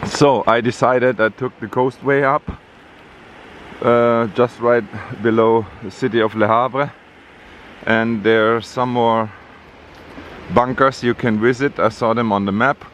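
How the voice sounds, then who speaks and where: A man narrating a casual travel vlog outdoors on a rainy coast, in a halting way with many fillers. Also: mid-range voice, fairly even intonation, fairly bright tone, a little hiss or hum. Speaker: travel vlogger.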